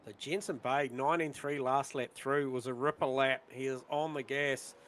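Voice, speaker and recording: A man doing live sim racing commentary, calling out lap times and battles on track, rising in excitement at overtakes. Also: mid-range voice, normal speed, slight background noise.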